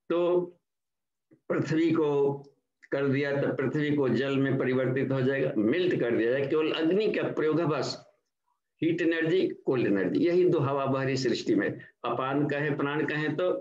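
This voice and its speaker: An older man from India, giving a slow, explanatory devotional lecture as a spiritual trainer and slipping English words into his talk. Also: mid-range voice, a little mellow. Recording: dull, echoey online class audio.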